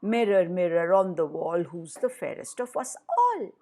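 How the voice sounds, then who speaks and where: A woman's voice: lowish voice, lively intonation, normal speed, warm tone. A woman voicing a vain, wicked witch queen from a storybook, commanding and emphatic.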